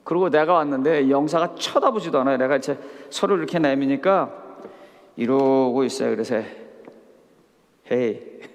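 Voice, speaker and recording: A man's voice: medium pitch, normal speed, pauses often. A middle-aged man preaching a sermon as a pastor, telling humorous stories and acting out the dialogue. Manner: storytelling with humor, acts out quoted dialogue. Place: camp meeting hall. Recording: hall reverb.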